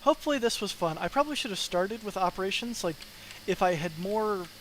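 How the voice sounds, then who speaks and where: A man's voice: sits high, lively intonation, brisk, fairly bright tone, slight background noise, poor audio. A young man chatting casually on his live development stream, rambling with lots of fillers and sounding tired.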